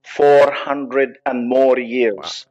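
A man's voice: mid-range voice, darkish tone. Palestinian-accented guy on a podcast, earnest, stops and restarts a lot, muffled lo-fi audio. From Israel. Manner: earnest, halting, many restarts. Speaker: psychologist guest. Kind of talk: podcast interview.

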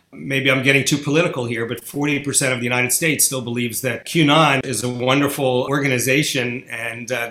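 A man's voice: mid-range voice, bright, forceful tone. Blunt, argumentative man in an echoey room. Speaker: guest. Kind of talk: interview answers.

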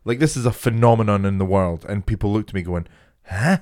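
A male comedian co-hosting a podcast in casual, sweary banter, joking and quick to laugh. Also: fairly low pitch, a little mellow, clear, resonant tone.

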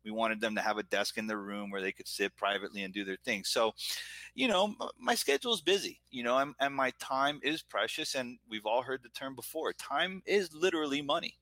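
This guest is a middle-aged business owner and entrepreneur from Florida, United States, with an American accent. His medium-pitched voice is expressive, brisk and sharp as he talks about himself earnestly and at length in casual personal reflection. There is no echo.

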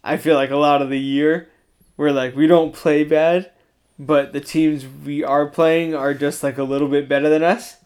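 A young man with a fairly high, clear voice co-hosts a podcast in a casual late-night chat. He is easygoing and quick to laugh. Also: level tone, a little mellow. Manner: chuckling, easygoing. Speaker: podcast co-host.

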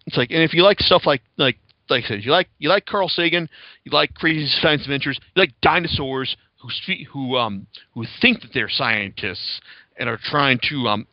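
A man's voice: medium pitch, animated, moderate pace, no echo. Rambling, enthusiastic podcast host, a man. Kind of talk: casual podcast review chat. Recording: slightly dull lo-fi sound.

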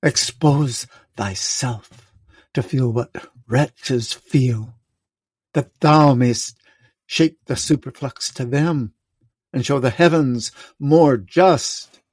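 An aging, raging king in a storm, as a man reads him aloud. The lines come slow and weighty, with long pauses between phrases. The voice is close and dry, with no room around it. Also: mid-range voice, a little mellow, slightly rough, no room sound. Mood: brooding. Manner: slow, declaiming verse with heavy pauses. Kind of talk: reading a play aloud.

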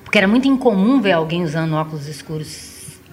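Discussing movies as a co-host, a woman talks quickly and expressively in a lowish voice, with faint music in the background. Her musings are thoughtful and trailing, frequently ending on a tag of "né?".

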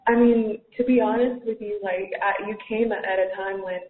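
A woman's voice: mid-range voice, fairly even intonation, normal speed. Echoey phone-line woman caller. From Georgia, US. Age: 20s. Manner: earnest and grateful, hesitant with many fillers. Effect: heard through a call on a computer speaker. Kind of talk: live call-in chat. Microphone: computer mic over a call. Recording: echoey, tinny call line.

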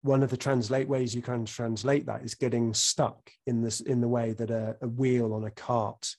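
A man with a husky, slightly breathy voice, interviewing a guest in a relaxed conversation. He thinks aloud haltingly, restarting his sentences and filling the pauses. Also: mid-range voice. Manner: thoughtful, halting, with many fillers and restarts.

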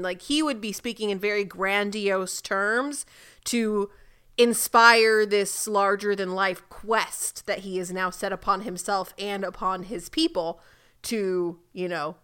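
Bright-voiced woman podcast co-host. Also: mid-range voice, clear, resonant tone. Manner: conversational, reasoning aloud, light laughter. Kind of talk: casual recap chat.

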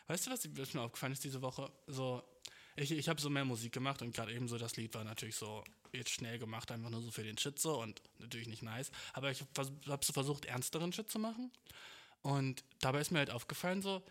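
A man's voice: mid-range voice, a bit bright. A man in his twenties, talking in a loose, rambling, slang-heavy monologue that swears a lot and mixes in English. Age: 20s. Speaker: podcast host and amateur musician.

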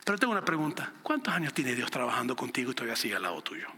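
A man's voice: mid-range voice, sing-song, rapid-fire, sharp tone, long reverb tail. A man preaching a sermon as a pastor, passionate and acting out conversations. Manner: passionate preaching, acts out dialogues.

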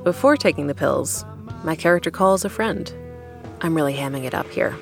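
A woman's voice: deep voice, animated, normal speed, creaky, faint music behind. A woman in her thirties hosting a podcast, mixing scripted narration with casual talk. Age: 30s. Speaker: podcast host.

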